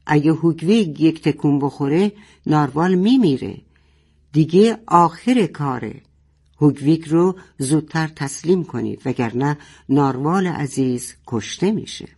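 A menacing storybook villain roars his threats through a loudspeaker, as a man reads him. He is loud, raised and commanding. He delivers cold ultimatums. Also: on the high side, expressive, husky. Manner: roaring, threatening. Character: menacing male villain roaring over a loudspeaker.

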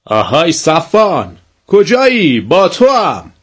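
A woman's voice: lowish voice, huge pitch swings. A woman voicing a sarcastic male steward who speaks in a mocking, taunting way.

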